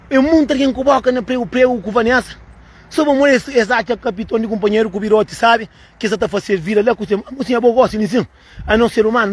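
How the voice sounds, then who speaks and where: A Cape Verdean man talks fast and emphatically in a casual monologue to the camera, repeating himself and calling the listener "moço". His voice sits very high and sounds husky and breathy. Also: no echo. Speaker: channel host.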